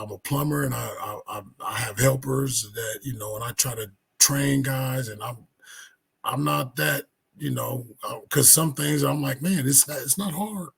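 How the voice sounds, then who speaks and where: A man's voice: medium pitch, creaky, slightly rough. A man teaching the Bible in a casual, emphatic way, commenting on a debate clip.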